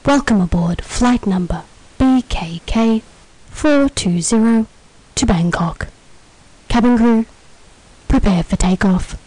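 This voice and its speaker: An airline captain speaks from the cockpit over the cabin PA, played by a woman. The delivery is slow and formal in the manner of a flight announcement. The voice sits a little high, with a mellow tone. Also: slight background noise, rough recording. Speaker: podcast co-host.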